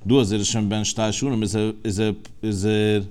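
A man's voice: lowish voice, little pitch movement, fairly quick, darkish tone, slight background noise. A man teaching a Talmud lesson, reasoning aloud through the text and asking and answering his own questions.

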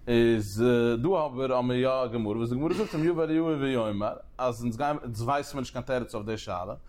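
A male Talmud teacher gives a study lecture on a religious text, speaking in rapid bursts, repeating and restarting phrases, and posing questions as he works through the reasoning. His voice is mid-range with a darkish tone, and there is slight background noise.

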